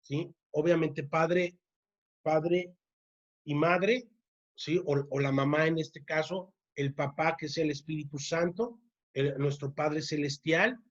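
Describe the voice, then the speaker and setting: Leading a parenting class at church, this teacher speaks slowly with a medium pitch and a steady tone, though the recording is muffled. Her habit is to check in with listeners by asking "¿sí?" and to repeat key words for emphasis.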